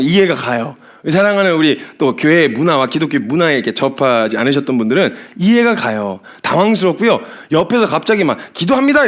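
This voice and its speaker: Animated, fast-talking male preacher. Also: sits high. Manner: animated, laughing, acting out quotes. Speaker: missionary preacher. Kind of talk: sermon.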